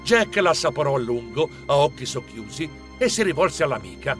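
A man narrating a children's audiobook in an animated storytelling manner. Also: mid-range voice, moderate pace, soft background music.

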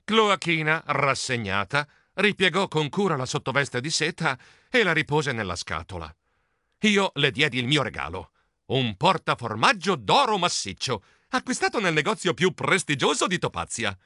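A man reading a children's storybook aloud in a playful, animated way. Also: fairly high pitch, normal speed, no room sound, studio quality. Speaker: audiobook narrator.

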